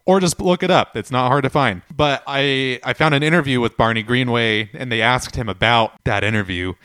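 A man co-hosting a music podcast, telling stories in a relaxed, chatty way with frequent fillers. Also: medium pitch, normal speed, clear, resonant tone, no room sound, clean studio sound. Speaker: podcast co-host. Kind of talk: casual chat.

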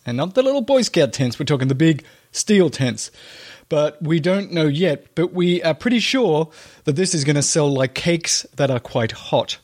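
A man hosting a podcast, giving casual, chatty news commentary with playful showman flourishes and joking, colloquial asides. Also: mid-range voice. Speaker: podcast host.

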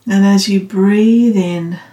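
A woman guiding a meditation in a calm, meditative, soothing tone, unhurried and leaving long pauses. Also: medium pitch. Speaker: meditation guide. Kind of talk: guided loving-kindness meditation. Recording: roomy, slightly echoing sound.

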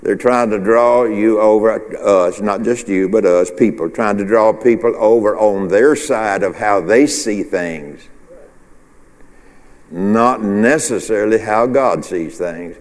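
A man with a fairly low, darkish voice preaches slowly at an informal midweek service in a church sanctuary, the sound carrying a long hall reverb. As pastor he keeps it conversational and rambling, restarting often and putting questions to the congregation in call-and-response.

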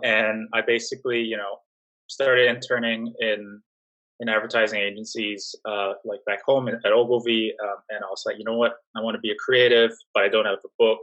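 Young guy from singapore chatting as a guest, lowish voice, lots of ums and restarts. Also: dull audio. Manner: relaxed, many fillers and restarts, laughs softly. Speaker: job-seeking guest. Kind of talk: casual interview.

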